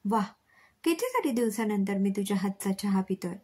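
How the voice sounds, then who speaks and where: A strict middle-aged father, worn out after work, speaks, as a woman reads his part. The voice stays breathy and soft. He gives short, firm requests in a storybook manner. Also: medium pitch, very animated, normal speed. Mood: weary. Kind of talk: storybook reading.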